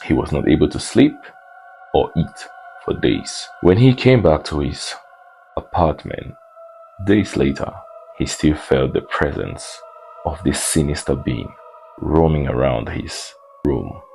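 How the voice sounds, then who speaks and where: Deep, gravelly storytime narrator man. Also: animated, slow pace, a little mellow, soft background music, rough recording. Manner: laid-back, joking asides between eerie retelling.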